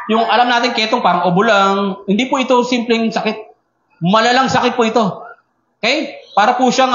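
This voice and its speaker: Animated pastor preaching in an echoey hall. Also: male voice, sits high, a little hiss or hum. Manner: animated, asks the congregation questions often. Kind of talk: sermon. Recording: echoey room, dull lo-fi sound.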